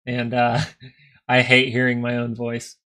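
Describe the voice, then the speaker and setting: The young host of a live stock market stream speaks in a nasal, medium-pitched voice that is pushed and bright but completely flat, at an unhurried pace. He thinks aloud in casual, rambling talk with frequent restarts, covering market commentary and viewer chat.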